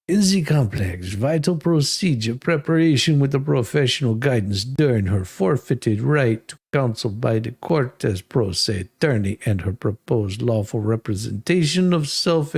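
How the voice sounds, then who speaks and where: A man with a mid-range, darkish voice hosts a livestream and reads a legal document aloud dramatically, adding mocking asides. He sounds sarcastic and trips over the long legal words.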